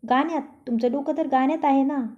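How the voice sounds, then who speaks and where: A woman voicing a young wife who answers calmly, with quiet dry wit, in a storybook reading. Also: sits high, brisk, narrow, tinny audio, natural voice. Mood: calm teasing. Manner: calm, dryly teasing.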